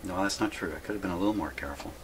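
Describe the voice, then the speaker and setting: In a home workshop, the host of a radio repair video narrates his hands-on work casually in a low-pitched voice, rambling and musing to himself. He talks rapid-fire, and the low-quality recording carries clear background noise.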